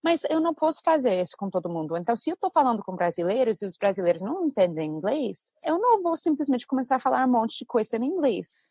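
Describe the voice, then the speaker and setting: Brief: woman, English speaker, podcast guest, bright higher voice, dry close sound, animated talker. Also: fast, hardly any pauses, breathy edge, dry recording. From United States. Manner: animated, thinks aloud with many asides. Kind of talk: casual podcast conversation.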